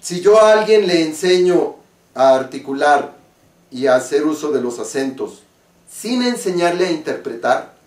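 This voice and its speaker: A man with a Mexican accent, an acting teacher explaining stage diction slowly and deliberately. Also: fairly high pitch. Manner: slow, deliberate, carefully articulated explanation. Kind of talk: spoken lesson on stage diction. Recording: roomy, from a distance.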